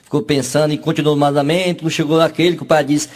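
A man telling a string of jokes, laughing between them and slipping into squeaky character voices. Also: flat delivery, quick pace. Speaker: comedian. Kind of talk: joke telling.

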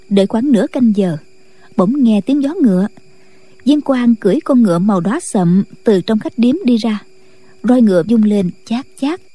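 A woman narrating a martial-arts novel in a steady, scripted late-night storytelling style. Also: medium pitch. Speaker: audiobook narrator.

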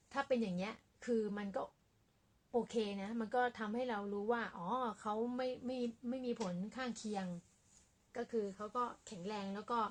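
A woman vlogging casually about her cats in a small apartment room, talking softly and quietly in a relaxed, rambling way. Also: mid-range voice. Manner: speaks softly and quietly to avoid disturbing neighbours; rambling and relaxed with many fillers. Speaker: cat owner vlogger. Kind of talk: casual chat to camera.

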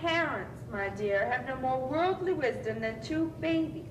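Woman playing imperious, high-voiced rich old aunt. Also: animated, a little slow. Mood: scolding. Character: stern, wealthy, domineering old aunt. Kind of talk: amateur stage play acting. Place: theatre stage, indoors. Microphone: far camera. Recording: noisy, rumbling, echoey distant stage recording.

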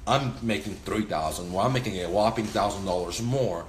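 A man's voice: lowish voice, brisk, a little hiss or hum. Profane, emphatic man in a roomy space. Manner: profane, emphatic, talks with his hands. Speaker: real estate investor. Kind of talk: casual instructional vlog. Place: indoors, small room by a window.

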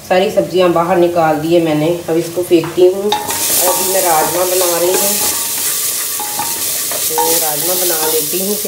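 A medium-pitched woman, recorded with a touch of hiss or hum, narrates a casual vlog from her home's kitchen and rooms. She's a mother in her thirties with a sore throat, filming on a handheld phone. Chatty throughout, she addresses viewers as friends.

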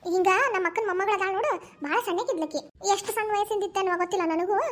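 A woman voicing a fussy, doting grandmother and mother-in-law in a cartoon, speaking with a North Karnataka Kannada accent, chiding and coaxing in turn. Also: extremely high pitch. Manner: chiding yet coaxing, fast. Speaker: cartoon voice actor. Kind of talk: cartoon voice acting.

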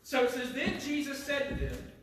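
A man preaching a sermon, reading scripture aloud and dropping low and slow at solemn lines. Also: background noise. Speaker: pastor. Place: church sanctuary. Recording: echoey church sanctuary, mic at a distance.

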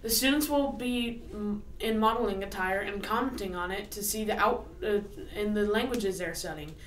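A woman's voice: mid-range voice, moderate pace. Woman co-hosting on a school intercom. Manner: earnest, occasional stumbles while reading. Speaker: school morning announcements co-host. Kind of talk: reading scripted announcements. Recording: echoey and distant with faint noise.

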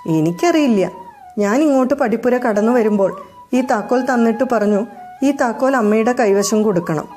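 A woman voices a playful, mischievous little neighbor girl, teasing and coaxing in a raised voice with a sly, playful mood. Her voice is on the high side, mellow, close to an everyday sound, at normal speed, with soft music in the background.

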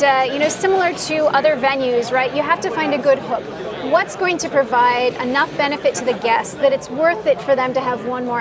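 High-voiced woman explaining, crowd chatter behind. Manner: measured, frequent ums, explanatory. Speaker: mall IT director, guest. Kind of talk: conversational interview. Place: trade show booth, indoors. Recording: busy trade show hall with crowd noise. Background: crowd chatter of a trade show.

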